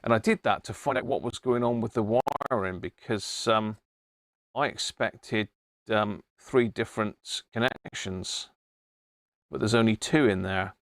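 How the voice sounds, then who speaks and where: A middle-aged man with an English accent hosts a radio hobby live stream, informally rambling and thinking aloud as he demonstrates. His voice is on the low side and unhurried. Through a wireless body-pack mic, there's no room sound.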